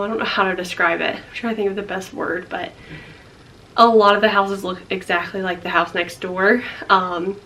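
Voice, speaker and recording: A woman's voice: medium pitch, a bit bright. A young woman chatting through a casual life update vlog, a little out of breath and rambling with lots of fillers. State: slightly out of breath. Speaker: vlogger.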